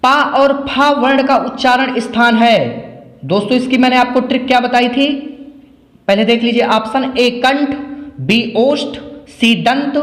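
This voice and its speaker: A man's voice: very high-pitched, fairly bright tone. A man giving a quiz-style grammar lesson for exam preparation, asking each question and answering it himself, repeating the key memory tricks. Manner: drills answers by repetition, asks questions then answers them. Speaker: exam-prep teacher. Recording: echoey room with long reverb.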